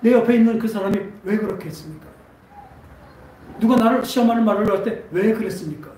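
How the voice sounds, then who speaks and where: Speaking fast in a high voice with a darkish tone, a pastor delivers his Sunday sermon, firing question after question at the congregation. The sound comes from a distance in an echoey church sanctuary, carrying a little hiss or hum.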